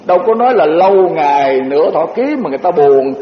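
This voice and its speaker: An older monk speaks in a high voice, giving a relaxed dharma talk and slowing down to recite verse. His voice rings through a roomy lecture hall on a dull, lo-fi recording with a faint hiss. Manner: conversational, slowly recites verse. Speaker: Buddhist monk teacher.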